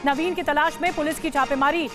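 High-pitched urgent woman news anchor. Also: steady tone, a little fast, music in the background. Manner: urgent, dramatic, rhetorical. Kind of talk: breaking news narration.

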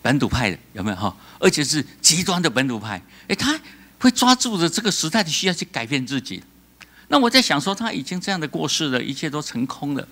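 A man with a Taiwanese Mandarin accent preaching a sermon as pastor, animated, often laughing and prompting the congregation to answer. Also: a little high, quick pace. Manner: animated, asks the congregation call-and-response questions; laughs often between remarks.

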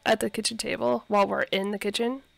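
A woman's voice: mid-range voice, fairly even intonation, fast talker, creaky. A woman voicing a scandalized young man in her own voice, incredulous in tone.

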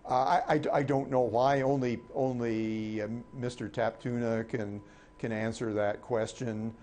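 A man giving unscripted political analysis in a halting, measured way, often repeating words. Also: medium pitch, steady tone, a little mellow. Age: 60s. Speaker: political commentator. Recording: clear background noise.

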